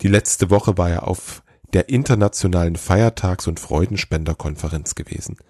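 A man narrates a storybook tale in a measured, even way. His voice is very deep. The recording is close and dry. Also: husky, dry recording.

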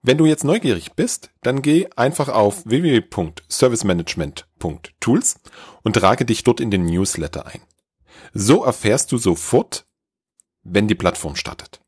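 A man hosts a podcast and reads an upbeat, scripted announcement straight to the listener. His voice is on the low side. The sound is close and dry. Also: sing-song, normal speed, a little mellow, slightly rough, dry recording. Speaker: podcast host.

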